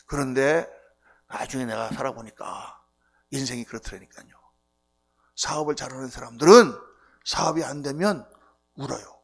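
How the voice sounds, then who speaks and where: A middle-aged male pastor giving a revival sermon, telling stories and acting out quoted voices, swinging between loud outbursts and hushed lines. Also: mid-range voice, normal speed, pauses often, husky. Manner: animated storytelling with sharp swings between loud outbursts and near-whispers; acts out quoted voices and repeats key phrases.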